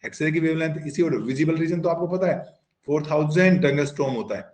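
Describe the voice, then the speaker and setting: A male physics teacher gives an online lecture with a slightly raised pitch. He keeps asking his students questions and answering them himself, slipping English terms into his explanations. The room around him is echoey. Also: fast, darkish tone. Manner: coaxing, calls students "beta", asks and answers his own questions.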